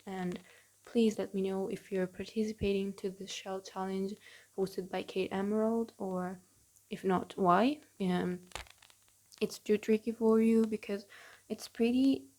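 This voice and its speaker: A young woman talking quietly under her breath at home in her bedroom, recording a casual, hesitant voice-over for a building video. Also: mid-range voice. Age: young adult. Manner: hesitant, with many fillers. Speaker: gaming channel host.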